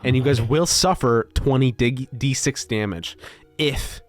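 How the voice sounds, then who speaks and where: A man's voice: mid-range voice, unhurried, noisy background. A man running a tabletop game as game master, narrating in a loose, rambling way full of ums and likes.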